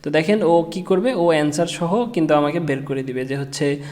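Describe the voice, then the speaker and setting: A man teaching a casual screen-share tutorial, halting with many fillers and restarts. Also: fairly high pitch, a little mellow. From Bangladesh. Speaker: online tutorial instructor. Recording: long reverb room.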